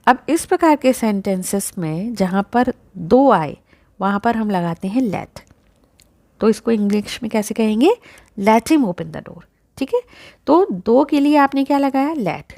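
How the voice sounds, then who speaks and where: A woman's voice: a little high, animated, unhurried, a little mellow. A woman teaching an English lesson, explaining step by step and asking the learner questions.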